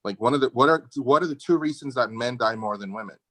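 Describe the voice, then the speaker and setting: A guest surgeon specializing in endometriosis, a middle-aged Dominican man, speaks fast in a mid-range voice with a bright, forceful tone and no echo. The setting is a casual medical discussion held by video call. His manner is informal and opinionated, with strong emphasis and slang.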